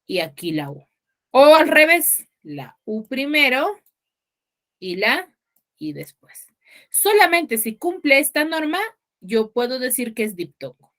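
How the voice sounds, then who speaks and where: Slow, lively-pitched woman teacher on video call. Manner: patient, asks the class "¿ya?" often. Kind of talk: online class lecture.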